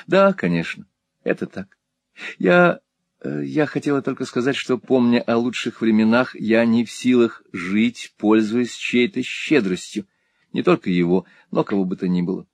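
Man voicing proud young woman, earnest, softly firm, dry sound. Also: fairly low pitch, steady tone, moderate pace, no room sound, close to an everyday voice.

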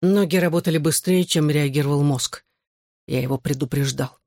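A man's voice: on the high side, moderate pace, a little mellow, no echo, clean studio sound. A man narrating a first-person novel as an audiobook, in a terse, intense manner.

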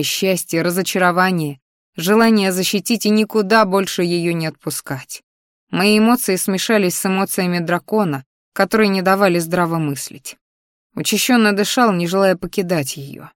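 A woman narrating a first-person novel in a steady, intimate storytelling manner. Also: fairly low pitch, no room sound, clean studio sound. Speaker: audiobook narrator.

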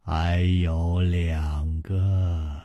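Male storyteller doing a genial, polished monk, low, gentle and unhurried. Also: level tone, no room sound, full character voice. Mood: courteous, genial. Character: calm, genial Buddhist monk, refined man.

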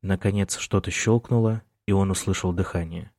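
Man reading an audiobook, calm and steady, deep voice, dry close sound. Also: moderate pace, no room sound. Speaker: narrator. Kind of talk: audiobook narration.

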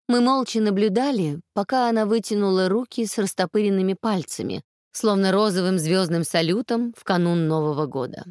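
Calm woman narrating an audiobook. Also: mid-range voice, dry recording, clean studio sound. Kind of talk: first-person scripted narration.

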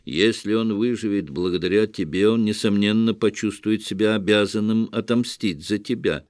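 Elf commander, male, cold and proud, quiet measured delivery, read by a man. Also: fairly low pitch, dry recording, studio quality, close to an everyday voice.

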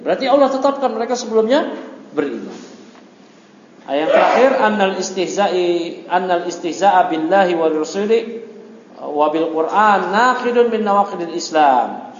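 Guy teaching a religious class, kinda high voice, reads arabic then explains, echoey muffled recording. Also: slight background noise. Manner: asks the audience questions. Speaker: Islamic teacher. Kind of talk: religious study lecture. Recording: echoey hall, dull lo-fi audio.

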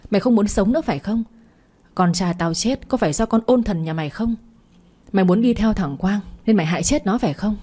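A woman doing a middle-aged mother-in-law in a blind rage, hurling curses fast and hard in a low husky voice, storybook style. the tone is dark and mellow underneath the fury. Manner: shrieking abuse, rapid-fire cursing.

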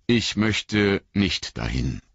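A careful young hobbit, voiced by a man who weighs his words, speaking slowly in a husky, lively-toned voice. The recording is dry and dull. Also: low voice, no room sound, full character voice. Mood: hesitant. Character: thoughtful, hesitant young male hobbit.

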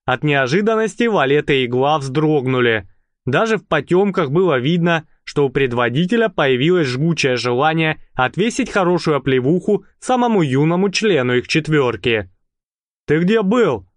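An audiobook is narrated by a man whose voice is on the high side, delivered expressively at a moderate pace with no room sound.

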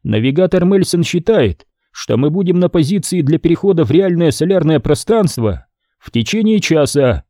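Man doing a firm, dry, commanding ship captain; warm, dark tone. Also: fairly high pitch, big pitch swings, normal speed, dry recording, voice pushed up. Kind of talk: audiobook character reading.

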